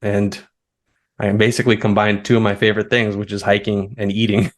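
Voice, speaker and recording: Relaxed storytelling man in his thirties. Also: on the low side, fairly quick. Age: 30s. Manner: relaxed, storytelling, now and then laughing. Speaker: guest, foraging expert. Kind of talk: conversational interview.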